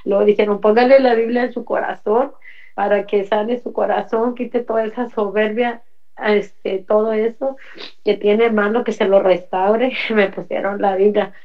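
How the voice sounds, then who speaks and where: A woman's voice: mid-range voice, steady tone, normal speed. A middle-aged woman, giving a personal faith testimony in an earnest, repetitive storytelling manner. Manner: earnest, repetitive retelling with many quoted exchanges. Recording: dull lo-fi recording.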